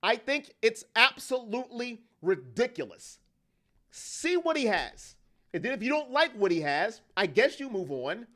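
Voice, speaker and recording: A man with a high, bright, cutting voice hosts a fan livestream, talking into a desk mic. He rants with real heat, then drops back to read chat comments aloud. His tone is impassioned and opinionated throughout. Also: sing-song. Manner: heated, ranting, fast-shifting intensity. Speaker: fan channel host. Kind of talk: livestream sports talk, reading chat.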